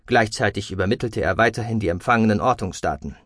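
A man narrating a science-fiction audiobook in a steady, measured storytelling manner. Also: fairly low pitch, no echo, clean studio sound.

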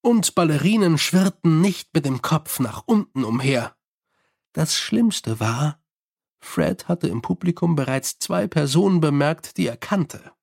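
A man narrating a comic fantasy audiobook in a measured, wry storytelling manner. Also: fairly high pitch, lively intonation, gravelly, darkish tone. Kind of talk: scripted narration.

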